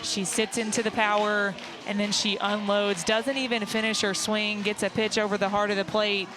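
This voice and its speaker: A woman giving explanatory color commentary on a live softball game. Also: medium pitch, level tone, normal speed, over music. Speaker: color analyst. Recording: noisy stadium crowd behind commentary. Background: crowd and outdoor ballpark noise.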